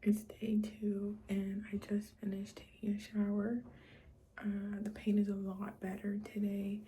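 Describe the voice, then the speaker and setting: A woman with a thick, muffled voice from a sore, swollen throat, often breathy and close to a whisper, talking haltingly and casually as in a personal video diary. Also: mid-range voice, monotone, dark tone. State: sore swollen throat after tonsil surgery, effortful and tired. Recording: clear background noise.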